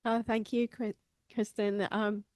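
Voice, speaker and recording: A woman's voice: mid-range voice, little pitch movement, unhurried, no echo, studio quality. A woman from England with an English accent, speaking in front of an audience as a biologist informally explaining science to lay listeners. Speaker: stem cell biologist, guest speaker.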